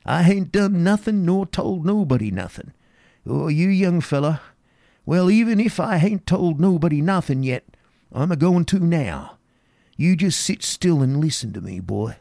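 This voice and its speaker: A frantic old man, rambling in thick country dialect, voiced by a man reading aloud. His voice is gravelly and swoops high and low. It sits close and dry. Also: lively intonation, a little slow, warm tone, no room sound. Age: older. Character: wild-eyed terrified old male drunkard. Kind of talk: dramatic reading.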